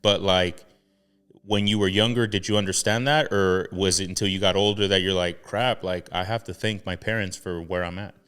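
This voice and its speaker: A man's voice: sits low, fairly even intonation, normal speed, a bit bright, clear, resonant tone. A man hosting a casual interview, calling his guest bro and slipping into Spanish. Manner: casual, says bro a lot, mixes in Spanish. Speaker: podcast host.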